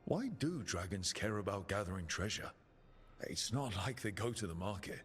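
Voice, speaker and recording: In video game dialogue, a man voices an easygoing, curious adventurer from an assassin guild, sounding conversational and dryly playful. His voice is fairly low, expressive and a bit bright, at normal speed, with game music playing under the lines.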